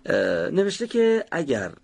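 A man teaching a televised pronunciation lesson, patiently explaining step by step and slowly demonstrating each sound. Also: fairly high pitch, wildly swooping pitch, creaky, a little mellow, breathy edge.

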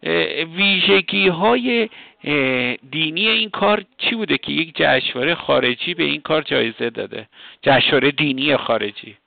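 A man's voice: on the high side, lively intonation, gravelly, no echo, phone-quality sound. A man interviewing a filmmaker on radio, asking questions and giving brief affirming replies between them.

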